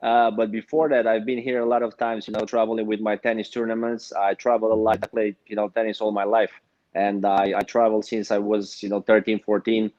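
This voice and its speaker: A man's voice: fairly low pitch, level tone, brisk, darkish tone, no room sound. A man in his thirties from Romania with a Romanian accent, a guest in a casual interview, speaking hesitantly with many fillers. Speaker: guest, pickleball pro. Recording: dull, dry lo-fi sound.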